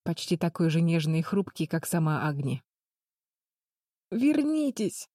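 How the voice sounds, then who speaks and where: A woman narrating a children's adventure audiobook in a calm, even storytelling manner. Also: sits low, a little fast, no echo, studio quality.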